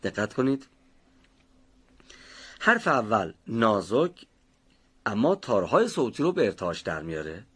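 A man's voice: fairly low pitch, sing-song, pauses often, a bit bright, husky. A man teaching a pronunciation class, patiently explaining how each sound is made and calling on students by name.

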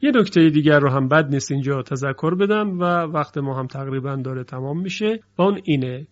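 A man teaching Quran recitation, explaining rules step by step and slowly chanting example phrases. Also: a little high, muffled recording. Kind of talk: lecture on recitation variants.

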